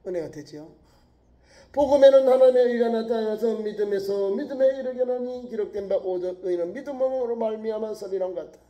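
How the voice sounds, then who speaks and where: High-voiced pastor preaching in an echoey church. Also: male voice, fairly quick. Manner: emphatic, repeats key phrases, swings from loud to quiet. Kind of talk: sermon. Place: church sanctuary.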